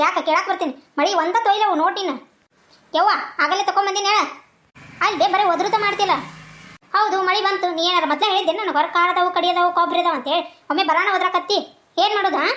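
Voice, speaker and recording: A woman voicing a tired, scolding middle-aged village mother in a cartoon, with a North Karnataka Kannada accent. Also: bright, forceful tone. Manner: high, quick, nagging. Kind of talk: cartoon dubbing.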